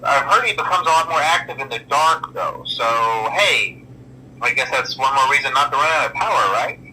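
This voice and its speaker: A chatty night-shift trainer whose voice comes through as a recorded phone message in a horror game. He rambles offhandedly with lots of uh and um. The tone is very bright and forceful. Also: a little high, moderate pace, a little hiss or hum, poor audio. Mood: offhand.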